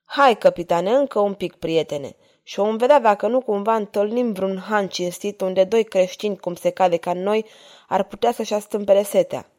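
A woman's voice: mid-range voice, natural voice. A woman voicing a bold young French knight. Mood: cheerful. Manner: loud and bold.

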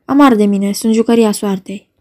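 Anguished young nobleman read by a woman, slow, mellow tone. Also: mid-range voice, lightly acted. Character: young nobleman, grieving and vengeful. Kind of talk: dramatic reading of a play.

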